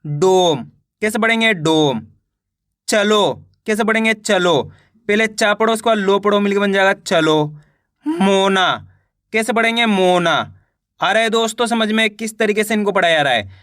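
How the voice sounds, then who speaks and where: A man teaching children to read Hindi, sounding out syllables slowly and repeating each word as a question and answer. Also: high-pitched, fairly bright tone, no room sound, studio quality. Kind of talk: step-by-step reading lesson.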